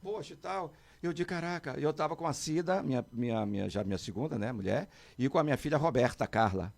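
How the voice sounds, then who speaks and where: A middle-aged man, telling a story as a podcast guest and acting out quotes in a high, excited voice. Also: fast, gravelly. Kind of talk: animated storytelling.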